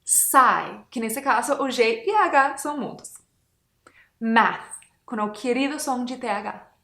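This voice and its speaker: High-voiced woman teaching pronunciation. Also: expressive, gravelly, sharp tone, reverberant. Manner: light laughing, slow modelled example words. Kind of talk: casual video lesson.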